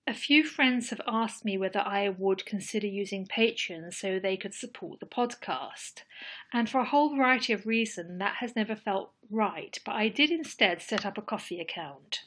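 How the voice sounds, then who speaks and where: Podcast host, woman, breathy tone, thoughtful and sincere delivery. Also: medium pitch, animated, fairly bright tone. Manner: measured, thoughtful, earnest. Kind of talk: scripted solo podcast talk.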